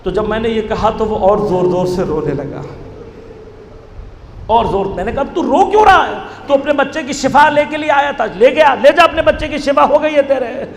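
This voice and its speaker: A male preacher giving a religious sermon, telling a story and building to impassioned, wailing appeals. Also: very high-pitched. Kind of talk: Shia majlis sermon. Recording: echoey hall recording, faint background noise.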